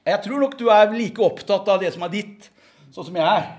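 A man preaching a revival sermon and testimony, fervent, repeating words and punctuating with amen. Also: sits high.

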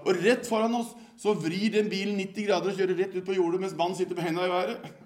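A man's voice: high voice, steady tone. An older man from Norway preaching a sermon in an earnest, storytelling manner.

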